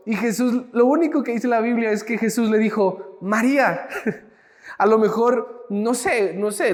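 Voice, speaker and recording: A man's voice: extremely high pitch, big-room sound. A man giving a reflective devotional talk, speaking straight to the listener with questions. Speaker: preacher.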